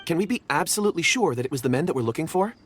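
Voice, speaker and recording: A man plays a polite, curious companion in a video game, mild and gentle in manner. His pitch moves around in a lively way, with faint noise behind the voice. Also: rapid-fire, natural voice.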